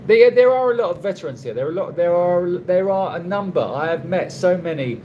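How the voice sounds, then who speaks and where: Fielding viewers' questions during a live stream in his condo room, a man halts, trips over phrases and restarts often, filling gaps and joking with dry wit. His slightly high voice is a little mellow with lively intonation, and the muffled recording carries a faint hum.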